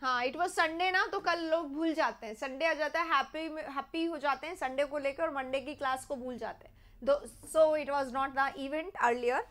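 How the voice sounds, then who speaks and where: A young woman with an Indian English accent teaching English grammar in a live online class, mixing Hindi and English and reading example sentences slowly. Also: high-pitched, fairly bright tone. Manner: mixes Hindi and English, reads sentences slowly, quizzes viewers. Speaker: English teacher for competitive exams.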